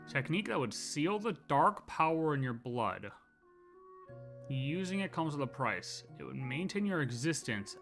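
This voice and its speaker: This streamer's medium-pitched voice sounds pushed and bright as he casually narrates his playthrough live, pondering out loud. Game music hums faintly behind him.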